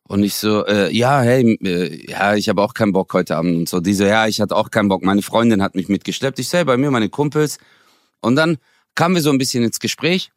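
Podcast co-host, a man in his forties from Germany who tells animated stories full of slang, close dry sound. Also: fairly low pitch, fairly quick, no echo. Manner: animated, slangy, acts out quoted dialogue. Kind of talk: casual storytelling chat.

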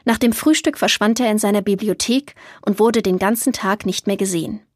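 A woman narrating a children's storybook in a calm, clear storytelling manner. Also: mid-range voice, brisk, no echo, clean studio sound. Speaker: audiobook reader.

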